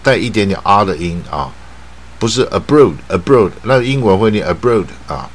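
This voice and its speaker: Deep-voiced man teaching pronunciation. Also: animated. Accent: Taiwanese Mandarin. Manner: slow drawn-out model words, frequent filler particles. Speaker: English teacher. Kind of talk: pronunciation lesson.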